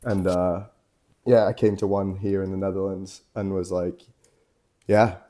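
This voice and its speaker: A young man from Scotland with a very low voice talks casually as a podcast guest. His speech is loose and rambling, packed with fillers and casual swearing. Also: level tone, unhurried, mellow. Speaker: guest artist. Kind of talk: casual chat. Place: tattoo shop.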